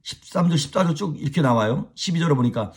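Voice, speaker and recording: A man giving a casual devotional sermon as a pastor, animated, chuckling and speaking straight to his viewers. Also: a little high, fast talker, husky.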